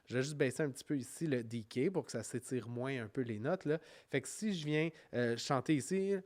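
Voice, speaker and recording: A man with a Quebec French accent narrating an informal software tutorial, explaining step by step in a conversational way. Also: medium pitch, a little fast. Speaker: music software instructor.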